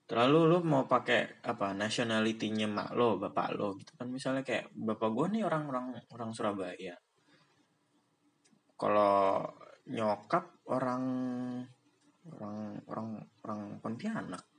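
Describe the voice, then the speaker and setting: A man's voice: lowish voice, animated, unhurried, long pauses, fairly bright tone. A young man from Indonesia talking casually on his own, rambling in slang with frequent laughs. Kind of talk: casual monologue.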